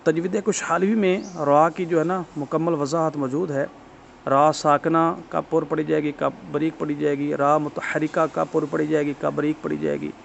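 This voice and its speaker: A man with a Pakistani Urdu accent gives a tajweed lesson, repeating each rule patiently and drawing out sounds to show how they are said. His voice sits fairly high and has a gravelly fry. The recording is dull and lo-fi. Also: a little hiss or hum. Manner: patient, repetitive explaining, stretching sounds to demonstrate. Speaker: Quran recitation teacher.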